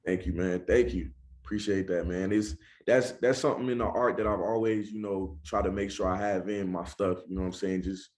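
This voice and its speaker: A man's voice: low-pitched, fairly even intonation, fairly quick, darkish tone. A young man from Charlotte, North Carolina, with a Southern accent, a rapper talking casually in an interview and often saying "you know what I'm saying".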